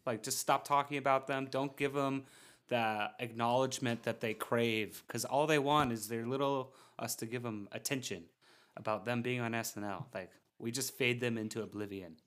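A man co-hosting a comedy podcast, explaining himself haltingly with many "like"s. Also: mid-range voice, steady tone, fairly bright tone. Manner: halting, says "like" a lot. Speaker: podcast co-host. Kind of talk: casual chat.

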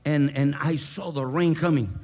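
A man preaching a sermon in English with small grammar slips. He swings between loud rousing calls and soft, close prayer. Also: steady tone, moderate pace. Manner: shouting and rousing at high pitch, then dropping to a quiet, intimate tone.

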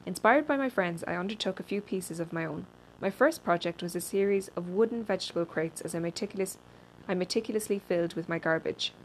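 A woman reads a personal essay aloud in a dry, deadpan manner, with a slightly low voice. She sometimes trips over a word and restarts it. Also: fairly quick, a little hiss or hum, rough recording. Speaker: reader.

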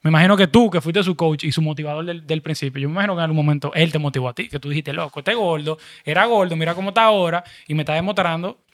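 A man hosts a casual podcast chat. His voice is fairly high and he talks very fast, in an emphatic, colloquial way.

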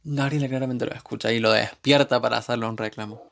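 A man's voice: medium pitch, steady tone, quick pace, vocal fry, a bit bright. A man with an Argentine accent recapping a TV series episode in a casual, sarcastic way with joking asides. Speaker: TV series reviewer.

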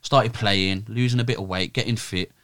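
A man's voice: lowish voice, steady tone, normal speed, a bit bright, dry recording, studio quality. A man with a British urban roadman accent, chatting casually and emphatically in heavy street slang as a football manager being interviewed. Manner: roadman slang, emphatic, repeated "bruv" and "innit". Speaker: Sunday league football team manager, interview guest. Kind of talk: casual, animated chat.

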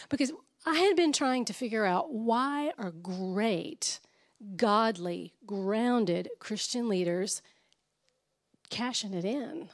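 Hoarse, raspy older woman. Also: medium pitch. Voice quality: raspy, strained. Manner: chatty, self-deprecating. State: hoarse, nearly lost voice. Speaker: guest speaker. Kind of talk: informal talk to a church audience.

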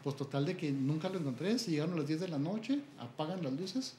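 Mexican priest telling a story in a roomy space. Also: male voice, a little high, a little fast, a little hiss or hum. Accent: Mexican Spanish. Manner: animated, acts out quoted dialogue. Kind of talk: storytelling testimony. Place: at home.

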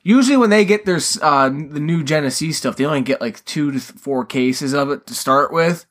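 A man's voice: on the high side, brisk, fairly bright tone. A man co-hosting a podcast in casual chat, rambling and swearing freely as he talks. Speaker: podcast co-host.

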